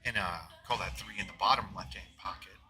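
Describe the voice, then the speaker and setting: A man with a deep voice commentates a live pool match from a booth in a pool hall, speaking briskly. His talk is loose and rambling, heavy with fillers, and he mentions his own loud voice.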